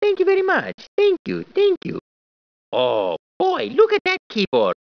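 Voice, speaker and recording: A man performs a cheerful, clowning cartoon plumber in a video game, using a very high-pitched, gravelly voice with huge pitch swings, a put-on Italian accent, squeals and laughs. The character is jokey, eager and bouncy, and the delivery is heavily acted, playful and a little slow. The game audio is dull and dry, with no echo.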